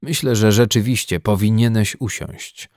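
Give me a man doing a calm, measured young man in an audiobook, deep and gravelly. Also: dry recording, studio quality, lightly acted. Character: calm, composed young man, giving orders.

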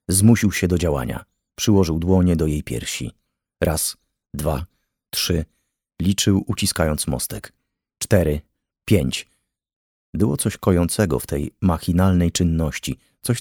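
Deep-voiced male audiobook narrator. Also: mellow, dry recording, studio quality. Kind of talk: scripted narration.

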